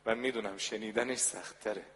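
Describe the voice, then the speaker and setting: A man giving a mourning sermon, telling a sorrowful story softly and then swelling into loud lamenting cries. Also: on the low side, steady tone, slight background noise. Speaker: religious eulogist. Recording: long reverb of a hall.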